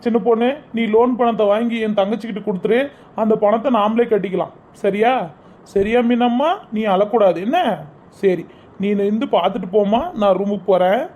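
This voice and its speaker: A performer playing a soft-hearted brother who gives in to his sister, speaking gently and consolingly. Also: mid-range voice, steady tone, a little fast, natural voice. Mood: giving in. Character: soft-hearted adult brother and husband, easily swayed.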